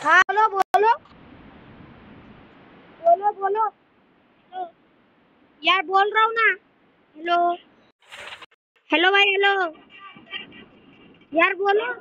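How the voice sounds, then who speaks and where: A woman streaming a mobile shooter game and chatting with teammates. She is excitable and keeps repeating her hellos. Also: extremely high pitch, very slow, pauses often, dry recording, dull audio. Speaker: gaming streamer. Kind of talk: live game commentary with teammates.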